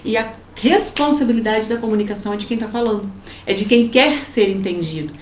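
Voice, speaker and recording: A woman with a Brazilian accent, co-hosting a casual advice chat and telling family stories in a lively way. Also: fairly high pitch, brisk. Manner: lively storytelling with acted quotes. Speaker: co-host giving family advice. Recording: roomy with faint background noise.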